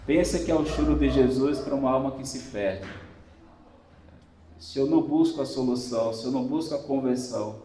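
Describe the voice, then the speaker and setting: Brazilian priest preaching in echoey church. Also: male voice, mid-range voice, brisk, mellow, recorded from a distance, a little hiss or hum. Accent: Brazilian Portuguese. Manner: emphatic, repetitive exhortation addressing listeners directly. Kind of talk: Sunday homily.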